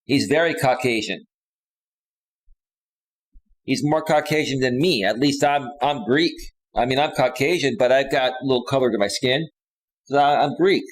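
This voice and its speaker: A man with a mid-range voice hosts a livestream, speaking at normal speed with long pauses. His off-the-cuff monologue is casual and slangy, full of repetitive, insistent direct address to viewers.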